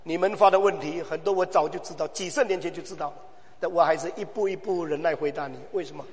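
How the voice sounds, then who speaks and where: A man preaching a sermon as pastor, swinging from low, quiet asides to loud, shouted exhortation with rhetorical questions. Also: steady tone, fast talker, a crowd in the background. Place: church hall. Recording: long hall reverb.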